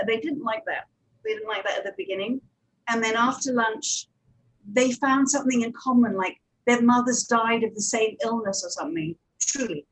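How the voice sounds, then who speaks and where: On a low-quality recording, a woman with a somewhat high, slightly bright voice gives an informal panel presentation as an audio producer. She talks conversationally, mixing in anecdotes and digressive asides.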